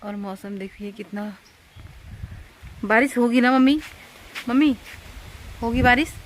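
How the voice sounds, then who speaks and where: A woman's voice: on the high side, a little slow, a little hiss or hum, poor audio. A woman in her thirties chatting to viewers in a casual home vlog, recorded outdoors at a village home. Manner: chatty, addresses viewers directly. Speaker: vlogger.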